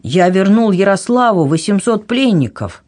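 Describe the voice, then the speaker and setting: A woman voicing a touchy, pompous king who shouts in offence. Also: mid-range voice, animated, normal speed, pitched above the performer's own voice, natural voice. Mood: angry. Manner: angry, offended exclamations. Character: irritable older male king, pompous and touchy.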